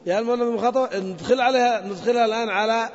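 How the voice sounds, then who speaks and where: A man with a very high voice races through a grammar lesson, repeating points methodically and questioning his class. The audio is dull and lo-fi, echoing in a reverberant hall.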